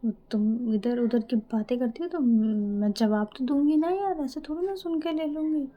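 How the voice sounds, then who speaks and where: A woman's voice: a little high, normal speed, highs cut off, natural voice. Woman voicing a teasing young policewoman. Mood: playful. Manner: bantering, teasing.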